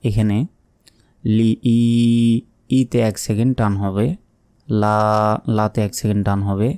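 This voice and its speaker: A man with a Bangladeshi Bengali accent teaching Quran pronunciation. He explains each sound briskly and then chants the words slowly, holding the vowels long. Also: on the low side, flat delivery, dark tone.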